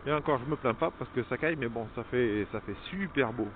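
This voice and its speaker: Male vlogger, voice muffled inside a motorbike helmet, halting and chatty, tinny lo-fi sound with light background noise. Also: mid-range voice. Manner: chatty, halting, many fillers. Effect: talking inside a motorbike helmet. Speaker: crane operator. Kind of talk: casual vlog while riding. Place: outdoors on a small motorbike.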